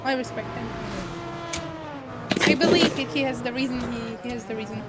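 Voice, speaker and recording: A woman's voice: fairly high pitch, a little fast, heavy background noise. A woman chatting playfully in a racing team's voice call, breaking into silly sing-song chants. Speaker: sim racing team member in voice chat. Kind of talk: casual team chat. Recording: loud music in the background.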